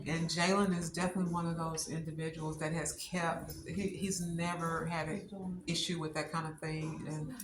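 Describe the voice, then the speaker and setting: A woman's voice: low voice, little pitch movement, normal speed, noisy background. A middle-aged woman chatting with her family, telling stories about her son with many fillers. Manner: warm storytelling with fillers. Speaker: mother being celebrated. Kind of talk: casual family chat. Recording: roomy echo, music behind.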